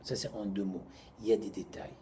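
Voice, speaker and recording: A man, teaching an informal Torah class to students in an animated, joking way, moving between loud bursts and quiet asides. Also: lowish voice, a little fast, slight background noise.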